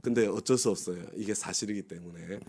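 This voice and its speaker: Lower-voiced man preaching a dawn sermon. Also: brisk, darkish tone. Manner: keeps asking the congregation for agreement; acts out inner voices of complaining people. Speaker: pastor. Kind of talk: sermon at a dawn prayer service.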